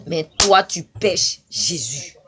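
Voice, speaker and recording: A woman's voice: on the low side, expressive, slow, very noisy. A woman preaching her testimony on a live stream, fervent and repetitive, breaking into sudden cries. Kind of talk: impassioned spoken testimony.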